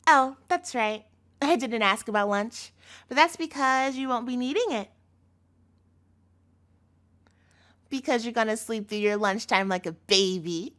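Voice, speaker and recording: Expressive and a bit bright, her slightly high voice moves at a normal speed. She acts as a doting, obsessive captor girlfriend in a scripted audio roleplay, speaking to the listener directly in a cutesy yet menacing way, sounding sweet and smug.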